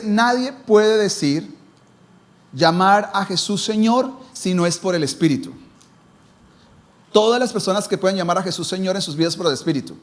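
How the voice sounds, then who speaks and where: Pastor guy preaching, pretty high voice, keeps asking the church questions. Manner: preaching with rising emphasis, then dropping to a low hushed tone; asks the congregation rhetorical questions. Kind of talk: sermon.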